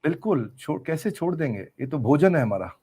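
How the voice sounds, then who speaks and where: A man's voice: fairly high pitch, sing-song, a little fast, mellow, husky. A middle-aged man answering interview questions in an earnest, emphatic way, repeating key phrases for effect. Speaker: business coach being interviewed.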